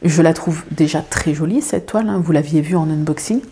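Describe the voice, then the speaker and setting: A woman's voice: sits low, fairly quick, warm tone, slightly rough. A woman chatting casually to her viewers at home, rambling with lots of fillers and restarts. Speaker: craft video creator.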